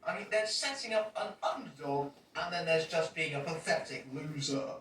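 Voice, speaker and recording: A man's voice: fairly high pitch, moderate pace, a bit bright. A man narrating a comedic film review in a sarcastic, mocking manner, laughing at his own jokes. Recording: echoey room, far from mic, faint noise.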